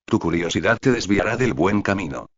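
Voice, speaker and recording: A man's voice: deep voice, lively intonation, brisk, fairly bright tone. A man reading the lines of a nervous, stout older professor, defensive and irritable. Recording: dull lo-fi audio.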